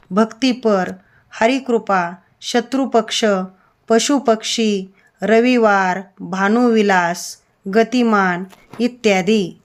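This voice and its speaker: A woman with a Marathi accent gives a scripted lesson at a very slow, deliberate pace. Her voice sits a little high, and she reads out each example word on its own, calm and methodical. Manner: reads out word lists one by one, measured. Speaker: teacher.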